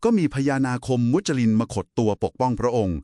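In a two-person conversation about Buddhist scripture, a man explains things politely and didactically. His mid-range voice is mellow, brisk, and lively in intonation. The dry recording has studio quality.

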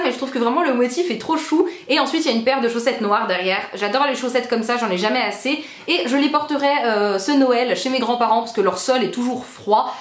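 A young woman from France, a beauty vlogger, gushing excitedly in a casual unboxing vlog, repeating words for emphasis. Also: fairly high pitch. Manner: bubbly and gushing, repeats trop trop. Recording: echoey room.

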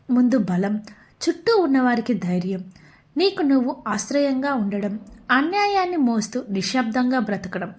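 A woman narrating a devotional message in a slow, tender, consoling way. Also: on the high side.

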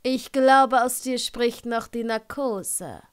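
Woman doing a gruff, sardonic potions master. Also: on the high side, slow pace. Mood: curt. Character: curt, sardonic middle-aged male potions master.

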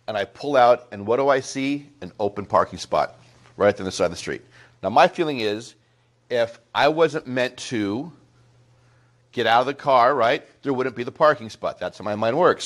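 A middle-aged man giving a talk to a small group of parents, telling a story in an animated way with frequent asides to the room. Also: mid-range voice, moderate pace. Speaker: school presenter speaking to parents.

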